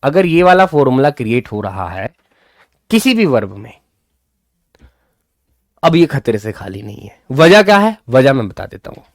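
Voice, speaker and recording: A man's voice: medium pitch, sing-song, moderate pace, long pauses, no echo, clean studio sound. A man teaching English grammar in a live online class, repeating key points and coaxing his students along.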